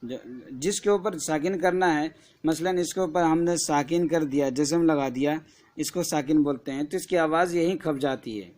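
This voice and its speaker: A man teaching an alphabet lesson to children, with a Kashmiri Urdu accent, spelling each word slowly letter by letter. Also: fairly high pitch, darkish tone. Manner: slow syllable-by-syllable spelling drills.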